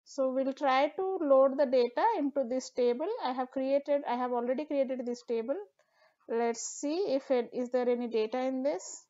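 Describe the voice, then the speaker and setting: A tutorial instructor talks through a screen-recorded software lesson step by step, dropping in the occasional filler. Her voice is slightly high and mellow, at normal speed. The audio sounds dull and lo-fi.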